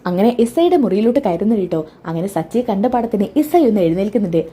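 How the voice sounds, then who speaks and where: A woman's voice: medium pitch, sing-song, fast talker, dark tone, slightly rough. A woman retelling a TV serial episode in a chatty storytelling way, full of little tag words. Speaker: serial recap narrator.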